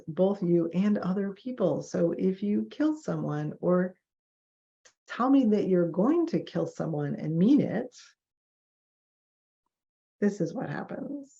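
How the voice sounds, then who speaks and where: A woman's voice: fairly low pitch, expressive, slow pace, darkish tone. A woman giving a lecture on professional ethics, talking in a conversational way and acting out clients and doctors in quoted asides. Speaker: therapist teaching a professional ethics session. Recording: dull lo-fi lecture recording.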